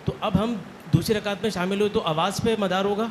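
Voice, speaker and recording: A man's voice: sits high, steady tone. A man with a Pakistani Urdu accent asking a question hesitantly and repeating himself.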